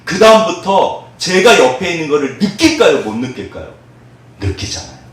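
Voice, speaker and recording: A man preaching a sermon as pastor, telling a story with big swings between loud and hushed speech. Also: a little high, huge pitch swings, moderate pace. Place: church sanctuary. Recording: very echoey hall, voice from far off.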